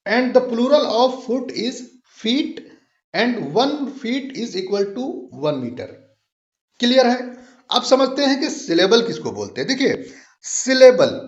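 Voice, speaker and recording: A male teacher talks through a lecture in a high voice, unhurried and deliberate. He repeats key points and checks that the class follows. The sound is roomy and a little muffled. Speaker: English literature teacher. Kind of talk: explanatory lecture, mixing Hindi and English.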